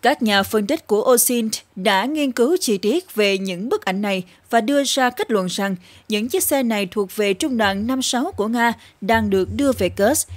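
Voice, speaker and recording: A woman presenting scripted news in a formal, measured newsreader delivery. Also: a little high, no room sound.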